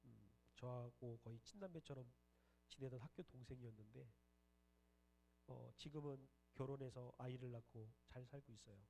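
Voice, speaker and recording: Young male pastor, earnest sermon voice that climbs to fervent emphasis, mid-pitched, recorded from across a church hall with a faint hum. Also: normal speed, gravelly, dark tone, far from the mic.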